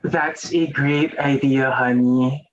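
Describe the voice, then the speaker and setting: On stage in a muffled, slightly noisy recording, a man acts out an improv comedy scene as back-and-forth dialogue. He speaks slowly in a mid-range voice with a steady tone.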